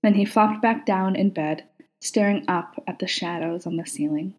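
A woman narrating a story aloud in a calm, even storytelling manner. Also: fairly low pitch, normal speed. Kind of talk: reading fan fiction aloud.

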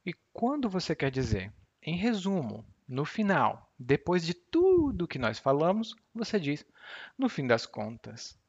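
A man teaches everyday Portuguese expressions in a podcast lesson. His pitch swings widely as he acts out little example conversations. The recording sounds a bit dull and lo-fi. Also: measured pace, slightly rough. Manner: lively, acts out example dialogues. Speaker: language teacher.

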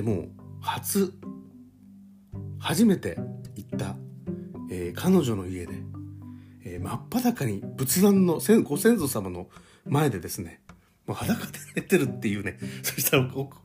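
A man in his forties hosting a solo podcast, chatting in a loose, easygoing, self-deprecating way about his own life. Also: medium pitch. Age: 40s. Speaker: podcast host. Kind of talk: rambling solo podcast chat.

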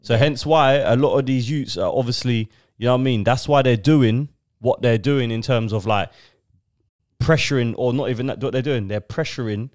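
A man's voice: medium pitch, normal speed, darkish tone, no echo, clean studio sound. A young man with a London accent chatting casually as a podcast host, full of slang and repeating phrases for emphasis. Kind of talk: casual banter.

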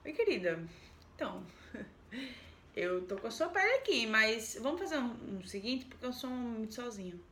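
Brief: a lonely, wheedling fisherman, as a woman storyteller puts him on, soft and hushed, in a roomy space. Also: on the high side, sing-song, moderate pace, a little hiss or hum. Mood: coaxing. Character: lonely, coaxing male fisherman.

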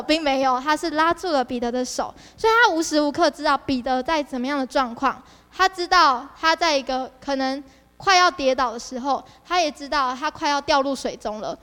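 Her voice sits high and echoes like it's in a large hall. This young district leader is preaching to a youth service, lively and constantly posing rhetorical questions to the crowd.

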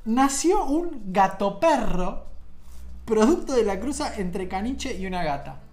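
A woman's voice: medium pitch, unhurried, faint music behind. A woman with an Argentine accent hosting a radio show, chatting casually and reading out listener messages. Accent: Rioplatense Argentine Spanish. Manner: lively, reads out listener messages. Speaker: radio host.

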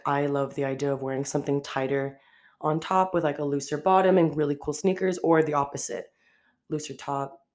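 A young woman hosting her own podcast, chatting casually and quickly and peppering her talk with "like". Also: sits low, darkish tone. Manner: chatty, fast, heavy use of "like". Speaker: podcast host. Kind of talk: casual solo podcast chat.

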